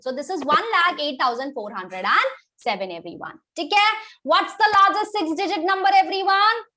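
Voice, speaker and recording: This woman teaches children maths online with an Indian accent, pushing the class forward briskly and sprinkling in Hindi interjections. She sounds very high-pitched, bright and forceful.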